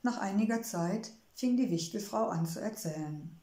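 A woman narrating a children's fairy-tale book with calm, measured storytelling. Her voice is mellow and warm, and the reading carries a roomy echo. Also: mid-range voice. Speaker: audiobook narrator.

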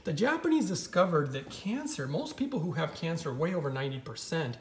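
A man's voice: a little high, very animated, brisk, a little hiss or hum. Enthusiastic man explaining on-screen images, echoey room. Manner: enthusiastic, explanatory, calls viewers guys. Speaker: vlogger. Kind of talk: off-camera screen walkthrough.

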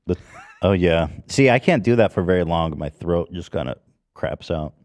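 A man's voice: low-pitched, animated, normal speed, a little mellow. A man hosting a podcast, chatting casually and teasing his guest with crude jokes. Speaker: podcast host. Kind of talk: casual chat.

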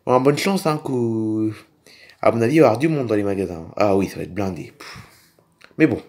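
A man's voice: fairly low pitch, lively intonation, fairly quick, a little mellow. A man voicing a chatty family dad in a toy film, rambling and repeating himself as he grumbles. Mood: grumbling. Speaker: narrator and main figure of a toy film. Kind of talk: toy figure film role-play.

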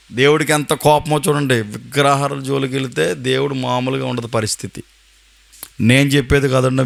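A pastor with a gravelly, slightly high voice and a Telugu accent from Andhra delivers a Sunday sermon. He scolds his flock, fires off rhetorical questions and tells everyday stories to drive the point home.

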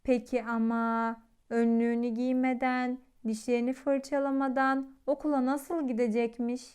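Smooth-voiced woman reading a storybook. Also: on the high side, normal speed. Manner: gentle, expressive storybook telling. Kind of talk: reading a children's storybook aloud.

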